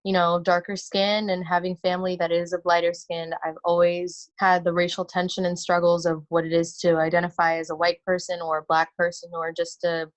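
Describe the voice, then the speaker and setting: A woman in her early twenties from the United States, a guest on a talk show, speaking passionately and deliberately. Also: on the low side, monotone. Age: 20s. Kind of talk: earnest interview talk.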